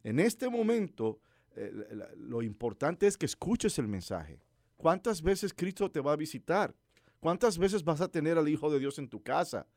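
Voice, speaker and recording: A man's voice: a little high, normal speed, dry recording, studio quality. A man preaching a conversational sermon, telling stories and putting questions to his listeners. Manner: animated storytelling preacher, asks listeners questions.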